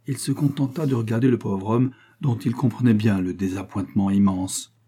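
A man narrating an audiobook in scripted narration, with a steady, even storytelling delivery. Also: on the low side, normal speed, husky.

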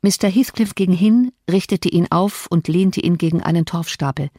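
A woman's voice: lowish voice, dry recording. Woman narrating a classic novel, dry. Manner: measured, expressive storytelling. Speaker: audiobook narrator. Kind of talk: literary audiobook narration.

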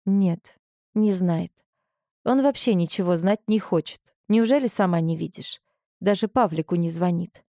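A woman's voice: lowish voice, unhurried, mellow, no echo, studio quality. A woman playing an earnest defiant daughter. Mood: earnest firm. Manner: earnest, firm, pleading. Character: grown daughter, young woman, newly defiant.

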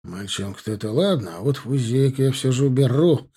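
A man's voice: medium pitch, expressive, fairly quick, warm tone, slightly rough. A man voicing a seasoned Russian soldier who talks in an offhand mutter. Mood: wry.

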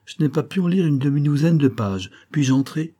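A man voicing a gentle, earnest young woman in an audiobook, pleading softly with a friend. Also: fairly low pitch, normal speed, slightly rough. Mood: lively.

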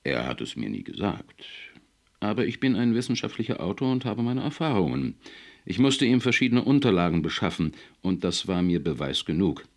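A man's voice: low voice, sing-song, a little fast, darkish tone, pitched above the performer's own voice. A man reading an audiobook, voicing a cheerful, stubborn older male science writer who speaks with jaunty confidence. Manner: jaunty, then indignant.

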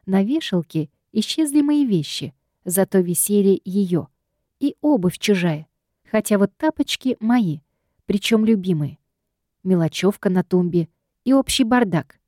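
A woman's voice: medium pitch, lively intonation, a little slow, dark tone, no room sound, studio quality. A woman reading a first-person audiobook in a wry, sardonic storytelling manner. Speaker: audiobook reader.

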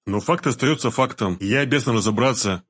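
Narrator doing a stern, tense security man, husky and terse. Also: medium pitch, a little fast, a bit bright. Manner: terse, hard-edged.

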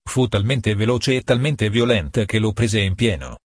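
A man narrating a novel in a measured, even reading. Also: fairly low pitch, slightly rough, no room sound, studio quality. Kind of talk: audiobook narration.

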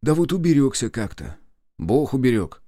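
A man's voice: mid-range voice, sing-song, moderate pace, warm tone, dry recording, studio quality, voice pushed up. A man voicing a touchy, newly rich friend who speaks curtly and takes offence easily in an audiobook. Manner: curt, hissing, easily offended.

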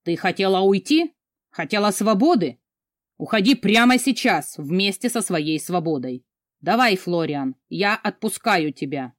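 A woman's voice: medium pitch, expressive, measured pace, dry recording, studio quality, lightly acted. A woman voicing an arrogant, cold male commander who taunts and mocks. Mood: taunting. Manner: taunting, mocking.

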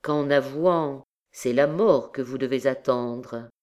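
A woman reading an audiobook voices a calm, coldly polite male prosecutor who speaks slowly. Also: rumbling low, clear, resonant tone, highs cut off. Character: mild, unflappable older male royal prosecutor.

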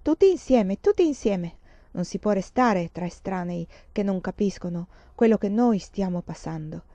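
A woman's voice: medium pitch, animated, moderate pace, mellow, no room sound, natural voice. A woman reading a novel voices a wealthy older lady lamenting her lost home. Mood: indignant. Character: wealthy older woman, indignant, clinging to old ways.

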